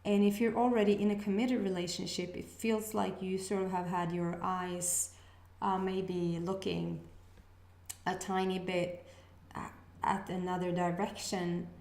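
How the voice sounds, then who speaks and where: In an echoey room, a Swedish-accented astrology reader from Sweden offers a relaxed intuitive reading for her channel, speaking to camera. Her gravelly voice sits on the low side, and she hesitates and muses, pausing as she tunes in to messages.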